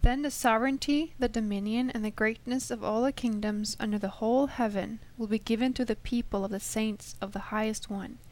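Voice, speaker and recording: A woman from Norway, a student guest, reading a passage aloud in a soft, steady way. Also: on the high side, a little fast, hardly any pauses. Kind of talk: reading scripture and praying.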